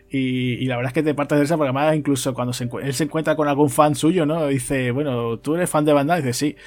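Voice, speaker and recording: A man's voice: a little high, a little mellow. A man co-hosting a casual film podcast, chatty and conversational, often tagging his sentences with a questioning aside. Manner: chatty, tags phrases with "¿no?". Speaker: podcast co-host.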